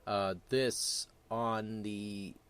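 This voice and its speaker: A man with a fairly low voice talks casually as if in a gaming vlog. He is blunt and crude, swears freely, and rambles through his opinions, correcting himself as he goes. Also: steady tone, drawn-out words, a bit bright, clean tone. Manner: rambling, self-correcting delivery. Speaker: gaming commentator.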